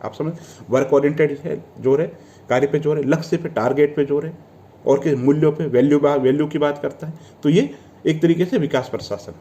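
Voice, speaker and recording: Mellow-voiced exam coaching teacher. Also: male voice, on the high side, fairly even intonation, brisk, dull audio. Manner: repeats questions and answers them himself; addresses students as friends, tells them to memorize. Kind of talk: lecture.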